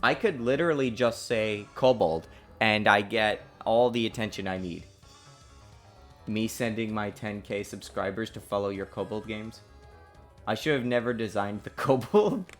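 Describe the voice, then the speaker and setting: An indie game developer livestreams his coding, rambling with lots of fillers, swearing at his code, and blurting confused exclamations as he chats casually. His voice is fairly low and moderately paced, with faint music behind him.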